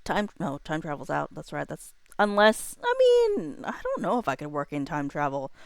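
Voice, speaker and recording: In a dry, clean studio recording, a low-voiced woman with huge pitch swings talks at a moderate pace. She runs a chatbot roleplay livestream, chatting casually with viewers and muttering to herself while working in a relaxed, slangy, informal manner.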